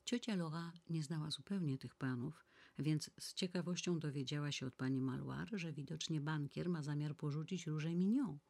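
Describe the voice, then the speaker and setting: A woman reading a classic novel aloud in measured, even storytelling. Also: deep voice, gravelly. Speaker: audiobook reader. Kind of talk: scripted narration.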